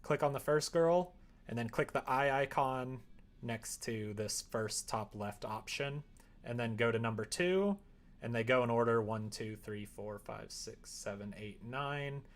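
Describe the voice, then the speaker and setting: In an unhurried, mid-range voice, a streamer chats loosely while working, talking his way through a tutorial as ideas occur to him. The recording picks up clear background noise along with the sound of keyboard typing.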